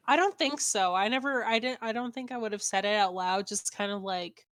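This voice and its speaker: A woman's voice: mid-range voice, a little fast, fairly bright tone, no echo. A woman playing a tabletop game, talking in a chatty, hesitant way with lots of fillers. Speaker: player. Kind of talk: casual game chat.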